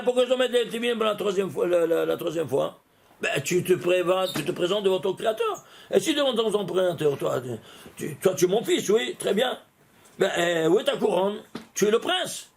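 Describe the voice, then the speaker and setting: Lively gravelly-voiced rabbi teaching. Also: male voice, high voice. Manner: lively, questioning, talks straight to listeners, laughs often. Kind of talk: animated Torah lesson with gematria.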